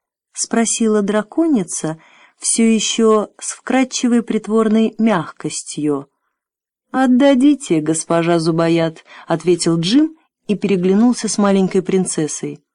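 A woman narrating a children's book in a measured, expressive storytelling manner. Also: mid-range voice, no echo. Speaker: audiobook narrator.

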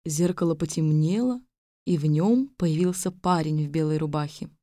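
Woman narrator, fairy-tale storytelling, low voice, dry studio mic. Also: moderate pace, dark tone, no room sound.

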